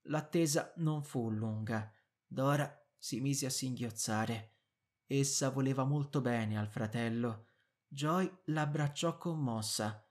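Man reading a book out, measured and clear, for learners. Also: mid-range voice. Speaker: narrator. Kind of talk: scripted audiobook narration.

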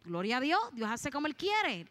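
A woman with a Puerto Rican accent delivers a church testimony in a high, bright voice. Her speech is fervent and preacherly, slowing to linger on key words and then rushing ahead. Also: very animated. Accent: Puerto Rican Spanish. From Puerto Rico. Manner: fervent, preacherly, speeds up and slows down for emphasis. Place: church sanctuary.

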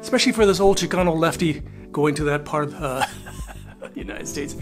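A man's voice: a little high, fairly quick, soft background music. An older man from Texas giving a casual talking-head RV travel update, rambling with lots of "uh" fillers and folksy asides. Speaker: RV travel vlogger. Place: plain indoor room, grey wall.

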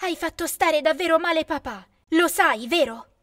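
A woman's voice: very high-pitched, normal speed, a bit bright, no room sound, clean studio sound, voice pushed up. A woman voicing an annoyed older teenage sister who scolds sharply. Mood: scolding.

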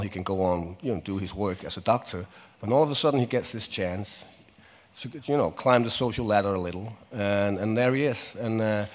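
Sex: man. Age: middle-aged. Pitch: low. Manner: thoughtful, halting. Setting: press conference room, table microphone. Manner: thoughtful, with many fillers and restarts. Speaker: actor on a press panel.

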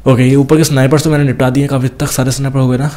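A young man casually commenting on his own gameplay, talking fast and teasing the enemies on screen. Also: medium pitch, level tone, warm tone, a little hiss or hum. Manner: chatty, teasing enemies, talks fast while playing.

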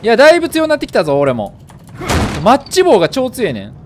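A man's voice: extremely high pitch, huge pitch swings, fast, slight background noise. A man with a Kansai accent commenting on a horror game he plays, letting out startled yelps and joking curses. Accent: Kansai Japanese. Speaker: gamer.

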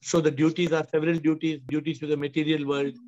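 Indian accent guy, high voice, spiritual teacher asking emphatic questions over and over, dull call audio. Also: little pitch movement, fast talker, darkish tone, a little hiss or hum. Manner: emphatic, repetitive, rhetorical questioning. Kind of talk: question-and-answer spiritual discourse. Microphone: video call.

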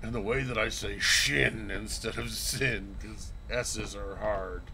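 A man's voice: on the low side, fairly even intonation, slow, over a noisy crowd. A man giving casual, sarcastic commentary while he plays a video game. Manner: joking, sarcastic about the game. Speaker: streamer playing a game. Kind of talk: casual let's-play commentary. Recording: loud game music under the voice.

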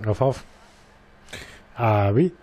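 A man's voice: lowish voice, animated, very slow, mellow. A man talking casually with friends while playing a video game. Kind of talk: casual gaming chat.

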